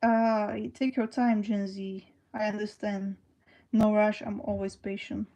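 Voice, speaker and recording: Slow, soft-toned young woman streamer. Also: mid-range voice, flat delivery, rough recording. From Slovakia. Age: 20s. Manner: slow, hesitant, many fillers and restarts. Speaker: livestream host. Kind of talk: casual livestream chat reading comments.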